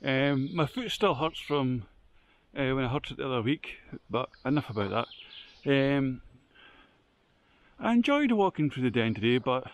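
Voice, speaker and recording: A man's voice: medium pitch, animated, moderate pace. A man, chatting casually to camera in the woods, rambling with lots of ums. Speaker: photography vlogger. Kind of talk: casual vlog chat. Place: outdoors in woodland by a stream.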